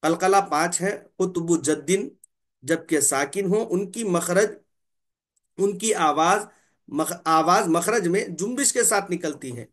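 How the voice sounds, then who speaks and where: High-voiced man teaching tajweed slowly. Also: a bit bright. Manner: demonstrates letter sounds slowly, repeating each one; clears his throat often. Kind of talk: Quran recitation lesson.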